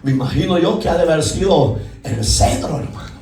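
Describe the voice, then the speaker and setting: A man preaching a fervent sermon as pastor in a church. He often shouts and mixes in folksy asides. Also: on the high side, animated, fairly quick, slight background noise. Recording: echoey church hall, distant mic, faint music.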